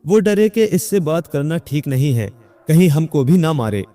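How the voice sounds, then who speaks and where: Mellow male storyteller. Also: fairly high pitch. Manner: steady, measured reading. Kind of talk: storybook narration. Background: faint background music.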